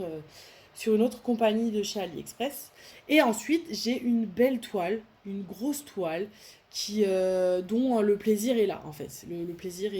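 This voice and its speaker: A woman's voice: mid-range voice, mellow. A young French woman chatting casually to camera while unboxing a craft kit, rambling and restarting her sentences as she thinks aloud. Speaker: diamond painting vlogger.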